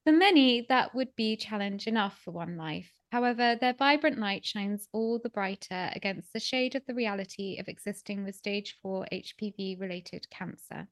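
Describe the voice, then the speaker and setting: A woman reads a scripted podcast introduction as host. Her delivery is measured and formal, at a medium pitch, recorded dry without room sound. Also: dry recording.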